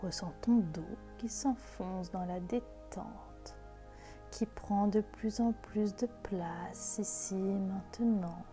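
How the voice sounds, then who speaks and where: A woman leads a guided relaxation very slowly, in a mellow and hushed voice close to the ear. Her delivery is soft and intimate, often breathy, with music playing behind her. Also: mid-range voice. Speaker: sophrology guide.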